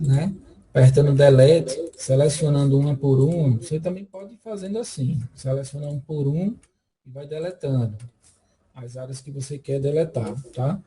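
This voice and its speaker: A man walks viewers through a software lesson step by step, checking in with them often. His voice is very dark and mellow. It also sits a little high for a man. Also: rough recording. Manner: explanatory, checks in often with tag questions. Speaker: software instructor. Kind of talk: screen-recorded tutorial.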